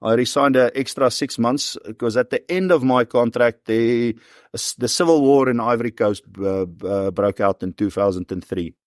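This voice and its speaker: With a mid-range voice at normal speed, a man in his forties tells easygoing, conversational stories while being interviewed. He speaks with a South African accent and works as a professional hunter after serving as a soldier; the recording is dry and studio quality.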